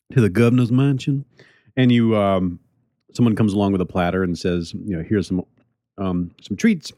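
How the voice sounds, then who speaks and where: During a relaxed tasting segment and show outro, a male podcast host eagerly chats about a treat, occasionally speaking through a mouthful of food. His voice is lowish and mellow, recorded cleanly in a studio with no room sound.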